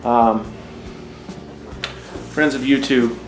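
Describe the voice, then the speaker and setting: A man's voice: medium pitch, fairly even intonation, very slow. A man in his forties talking casually in a wry, chatty way, speaking straight to his viewers in an unboxing vlog. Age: 40s. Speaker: tech YouTuber host. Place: home room. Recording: roomy echo with faint music.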